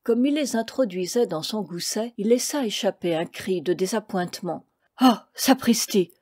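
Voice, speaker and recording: A woman narrating a classic storybook in a measured, expressive reading. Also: mid-range voice, no echo, studio quality. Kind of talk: audiobook narration.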